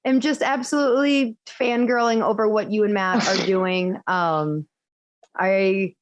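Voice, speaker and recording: A woman's voice: mid-range voice, steady tone, measured pace, dry recording, lo-fi sound. A woman in her thirties, a chiropractor hosting a casual interview, talking frankly and jokingly with lots of "like". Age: 30s. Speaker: chiropractor host.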